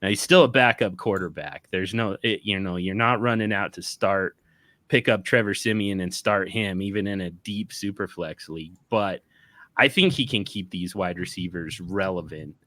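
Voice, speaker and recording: A man's voice: sits low, normal speed, pushed and bright, dry recording. A man talking on a casual sports show, joking and stumbling over restarts. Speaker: podcast panelist.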